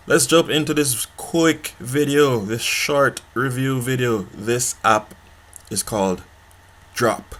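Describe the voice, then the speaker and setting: A man hosting an app review channel. He talks casually, repeats his points and keeps checking in with "okay?". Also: a bit bright. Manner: pitchy, repeats himself, asks "okay?" often. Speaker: online money-making channel host.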